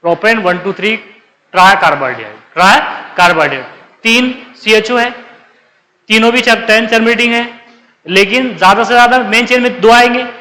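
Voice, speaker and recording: A man's voice: very high-pitched, steady tone, normal speed, sharp tone, big-room sound, poor audio. A male chemistry teacher giving a live class lecture, coaxing his students and checking again and again whether they understood. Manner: calls students 'beta', coaxing.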